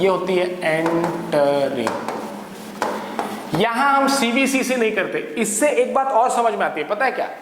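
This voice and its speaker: A man's voice: sits high, background noise. A man with an Indian English accent giving a grammar lesson, explaining step by step and checking in with his listeners. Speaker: English teacher. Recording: echoey hall, faint background ambience.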